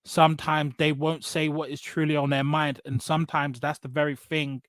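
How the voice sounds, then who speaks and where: As a guest on a podcast, a man from England with an English accent relates personal stories in casual conversation, blunt and emphatic, often repeating phrases and adding "right?" His fairly high voice is a bit bright and level, at a moderate pace, with no room sound.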